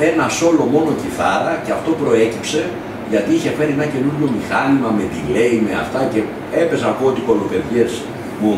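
Man, anecdotal, lively pitch, echo, background noise. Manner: chatty anecdote with quoted asides. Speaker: musician, guest. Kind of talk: casual storytelling. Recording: echoey room, distant mic, noisy.

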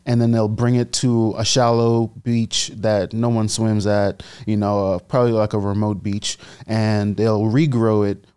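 A man in his thirties from the Bahamas with a Bahamian accent, a guest telling his story in a relaxed way in a casual podcast interview, speaking into a studio mic. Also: lowish voice, a little slow, hardly any pauses, clean tone. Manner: relaxed storytelling, gestures while talking. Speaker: guest entrepreneur. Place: studio set with leather armchairs. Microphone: boom-arm studio mic.

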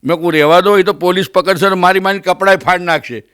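Animated Gujarati comedian with bright voice. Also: male voice, fast talker, clear, resonant tone. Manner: animated, acts out characters with raised pitch. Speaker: stand-up comedian. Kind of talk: comic storytelling. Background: audience laughter.

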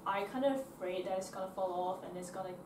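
A young woman from China giving hesitant, halting interview answers in a dorm bedroom. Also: mid-range voice. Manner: hesitant, slow, repeats words. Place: small dormitory bedroom. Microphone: far camera. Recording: roomy, distant, noisy.

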